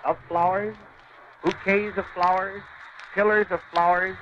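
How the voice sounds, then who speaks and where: A man's voice from an old newsreel, narrating in a measured announcer's manner as he lists things. His voice sits fairly high. The sound is muffled and thin, with a clear hiss running underneath it. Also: little pitch movement. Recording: noisy lo-fi archival newsreel audio.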